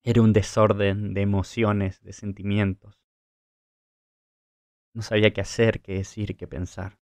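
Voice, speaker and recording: A man's voice: fairly low pitch, little pitch movement, unhurried, a little mellow, dry recording. A man voicing the apostle Peter, an earnest, humble grown man confessing his love in a plain retelling. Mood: earnest pleading.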